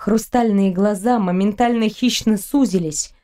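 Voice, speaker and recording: A woman narrating an audiobook in a steady, expressive storytelling manner. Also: mid-range voice, measured pace. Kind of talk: scripted narration.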